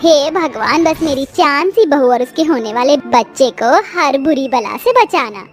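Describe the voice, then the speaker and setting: A woman's voice: high voice, unhurried, soft background music. A woman voicing a harsh, taunting middle-aged mother-in-law in a cartoon story. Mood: doting. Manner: taunting, scolding.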